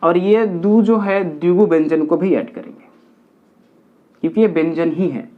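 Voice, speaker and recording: On a dull, lo-fi recording, an unhurried man with a high-pitched voice gives a grammar lesson at a board. He counts the steps aloud and repeats the important points so his pupils can follow.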